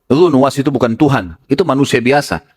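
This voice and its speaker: A man's voice: medium pitch, expressive, a little fast, darkish tone, breathy edge. A preacher voicing a bold devout young man. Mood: earnest. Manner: firm, earnest admonishing.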